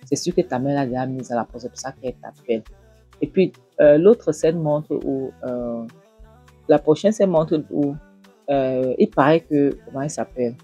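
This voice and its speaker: Husky-voiced woman recapping a film. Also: a bass voice, normal speed, dark tone, muffled recording, soft background music. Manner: chatty, addresses viewers as "my loves", repeats phrases. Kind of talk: retelling a film with commentary.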